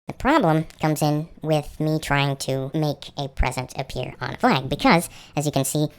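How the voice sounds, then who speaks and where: A man presenting a casual, explanatory slideshow narration, his voice electronically pitched up like a helium chipmunk. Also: clean tone. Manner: conversational, explanatory. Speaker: channel host presenter.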